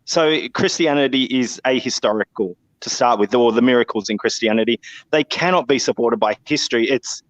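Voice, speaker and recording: A man's voice: medium pitch, fairly quick, no room sound, highs cut off. A man from Tasmania, joining a casual online discussion by audio only and making frank, explanatory arguments. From Tasmania, Australia. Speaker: guest speaker. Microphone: audio-only video call.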